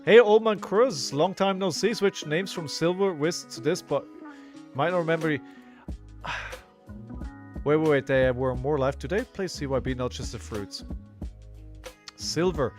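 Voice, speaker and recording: A hoarse man on a headset mic, casually commenting on a live card game while he plays, halting and repeating words as he thinks aloud. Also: a little high, darkish tone, faint music behind. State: hoarse, coughing.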